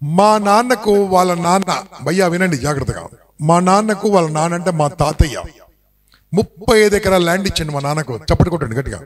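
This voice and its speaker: Middle-aged motivational speaker, a man, high voice, animated storytelling that keeps asking the crowd questions. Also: fast. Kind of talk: motivational speech to a live audience.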